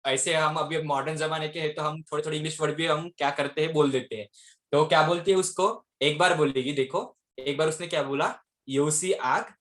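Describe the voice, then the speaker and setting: A man's voice: on the high side, fairly even intonation, a little fast, a bit bright. A male teacher giving an online class lecture, constantly quizzing his students with repeated questions. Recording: echoey room audio.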